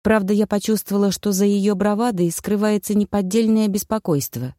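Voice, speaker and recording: A woman narrating a first-person audiobook in an even storytelling manner. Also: mid-range voice, normal speed, dry recording, studio quality.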